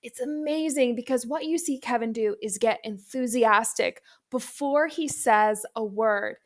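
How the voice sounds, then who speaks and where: A woman's voice: a little high, measured pace. A woman presenting as a speaking coach, giving instructive video commentary addressed directly to the viewer.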